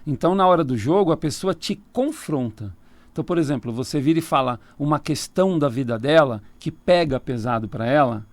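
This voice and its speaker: A man's voice: on the high side, animated, brisk, no echo. A man with a Brazilian Portuguese accent, a tarot reader talking casually as a radio interview guest, explaining at length and laughing easily. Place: radio studio.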